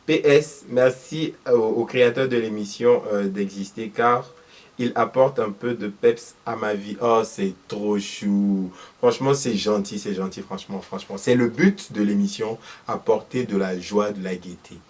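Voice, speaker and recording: A man presenting a comedy show, talking in a soft, slow, soothing way, recorded on a distant mic. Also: on the low side.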